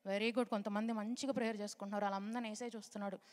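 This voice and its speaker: A woman teaching a children's Bible class, lively and coaxing the children to shout answers and pray. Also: medium pitch, rapid-fire, long reverb tail. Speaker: Sunday school teacher.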